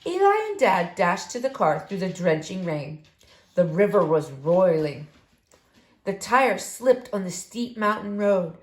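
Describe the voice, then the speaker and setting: A woman with a mid-range voice reads a children's story aloud as a storybook reader, delivering it expressively, deliberately, and dramatically. The recording has a roomy, echoing sound.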